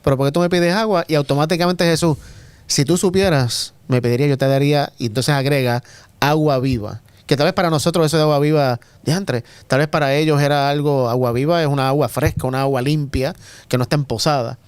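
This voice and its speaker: A man's voice: mid-range voice, fast, clear, resonant tone, no room sound. A man leading a casual Bible study discussion in a church group, asking others to look up verses. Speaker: Sabbath School discussion leader. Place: church room.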